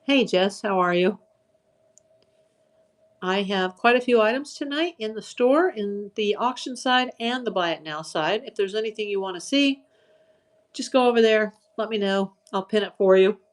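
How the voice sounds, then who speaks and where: A woman with a medium-pitched voice keeps a normal pace as she hosts a live auction stream, greeting viewers by name and going over items for sale in casual chat. Her voice shows fatigue and slight hoarseness from hours of talking.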